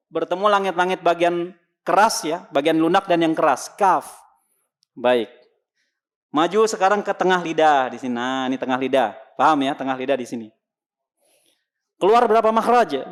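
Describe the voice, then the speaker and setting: A man teaching a congregation how Arabic letters are pronounced, asking questions and answering them himself, then sounding the letters out. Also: on the high side. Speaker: Quran recitation teacher. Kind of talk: lesson to a congregation.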